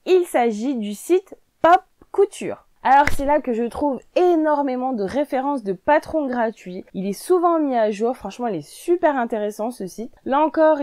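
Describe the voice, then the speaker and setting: A woman's voice: high voice, mellow, no echo. A woman hosting a casual sewing vlog, chatty and friendly, often dropping "franchement" into her talk. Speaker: sewing YouTuber.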